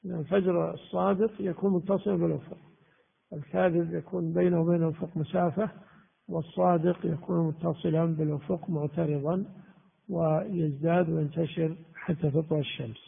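A man teaching a religious lesson, explaining texts and grammar slowly and repeating key words. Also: fairly high pitch, fairly even intonation, gravelly, husky. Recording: tinny phone-like sound in a reverberant hall.

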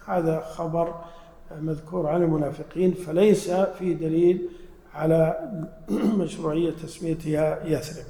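A man's voice: a little high, steady tone, moderate pace, dark tone. A man giving an explanatory religious lesson. He asks his listeners questions and then answers them himself. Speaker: religious teacher. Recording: roomy hall with long reverb.

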